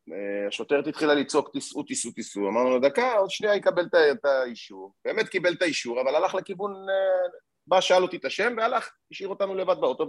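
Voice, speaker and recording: Guy telling a wild story, voice jumps all over, a bit husky, dry sound. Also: mid-range voice, no room sound. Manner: excitable, acts out the other voices in his story. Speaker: guest, martial arts fighter and instructor. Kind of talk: animated storytelling.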